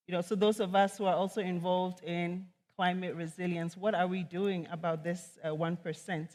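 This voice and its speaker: A woman from Ghana, an economist, giving a conference talk in a measured, earnest way with frequent ums. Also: mid-range voice. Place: large conference hall. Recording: long hall reverb.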